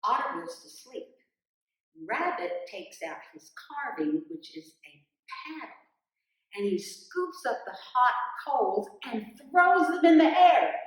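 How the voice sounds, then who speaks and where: A woman telling a folktale as a storyteller, in a slow, lively narrating voice. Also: a little high. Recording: roomy echo, distant mic.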